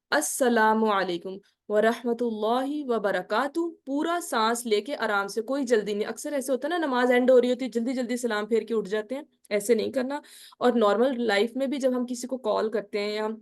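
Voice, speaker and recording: High-voiced woman teaching prayer rules. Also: a little mellow. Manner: quizzing listeners with repeated "ٹھیک ہے؟" checks; slow, careful Arabic recitation of the salutation. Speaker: Islamic studies teacher. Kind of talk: online lecture on prayer.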